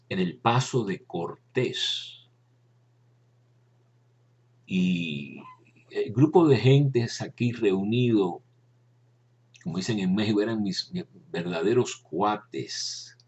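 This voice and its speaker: An older Cuban man, a former Dominican friar, slowly reminisces about his years in the order while showing old photos, speaking Cuban Spanish-accented. He is reflective and unhurried, pausing often with fillers and restarts. His voice is low-pitched, husky and darkish, with the highs cut off.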